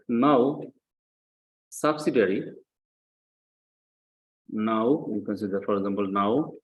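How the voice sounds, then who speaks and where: An accounting lecturer with a fairly low voice works through an example in a classroom lecture, repeating key points and often checking in with short questions. His teaching is didactic, and the audio is poor.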